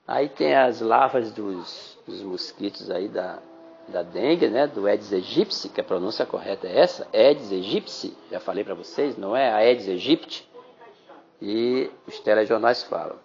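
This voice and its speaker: Brazilian male biology teacher, gravelly voice, chatty podcast lesson, dull phone-app recording. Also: on the low side, normal speed, a little mellow. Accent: Brazilian Portuguese. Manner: chatty, addresses listeners as "galerinha", frequent "né?". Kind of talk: podcast exam-prep lesson.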